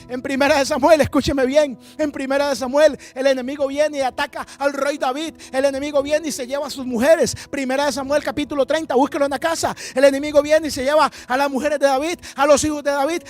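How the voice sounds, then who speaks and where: A man preaching a sermon in an impassioned, repetitive cadence. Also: extremely high pitch.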